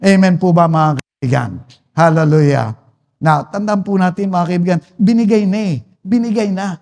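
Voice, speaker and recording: A male pastor with a Filipino accent preaching a sermon in a church, swinging from soft to forceful emphasis. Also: high-pitched, moderate pace, gravelly. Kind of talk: Taglish sermon. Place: church sanctuary. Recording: long church-hall reverb.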